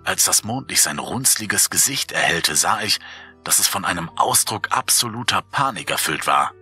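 A man reading a horror story aloud as an audiobook narrator, in a calm, measured, somber way. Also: low voice, husky, faint music behind.

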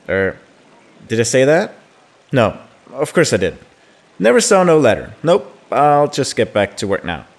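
A man's voice: mid-range voice, pitched above the performer's own voice. A man voicing a playful, sneaky young woman while reading game dialogue aloud, in a teasing, chatty way.

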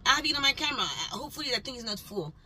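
A woman's voice: high voice, very fast, pushed and bright, rough recording. A woman delivery van driver venting in an exasperated, emphatic rant while driving, with road noise behind her. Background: road and engine noise.

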